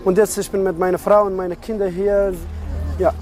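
A young man in his twenties from Afghanistan, speaking halting, learner's German in a refugee camp, filmed on a phone. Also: high voice, little pitch movement, darkish tone, soft background music. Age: 20s. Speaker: interviewee.

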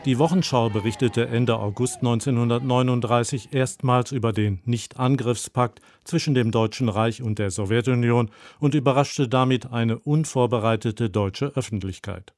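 A man reading a scripted radio book review in a sober, measured way. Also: medium pitch, darkish tone, no echo, clean studio sound. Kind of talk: scripted narration.

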